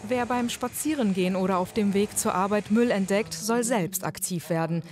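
A woman reading a news report voice-over in a plain, measured way. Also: medium pitch, darkish tone, a little hiss or hum.

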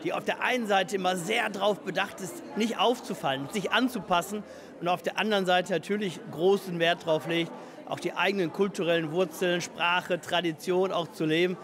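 A man giving an interview statement as a city official, speaking in a deliberate, formal way. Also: high voice, steady tone. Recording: off-mic among a crowd.

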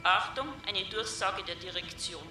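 A man making a formal announcement for the management over a loudspeaker intercom. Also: high voice, moderate pace. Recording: echoey distant loudspeaker with loud music.

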